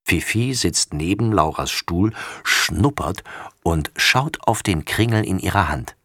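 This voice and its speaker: A man reading a children's story aloud with lively, expressive narration. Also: low voice, takes it slowly, no room sound, clean studio sound.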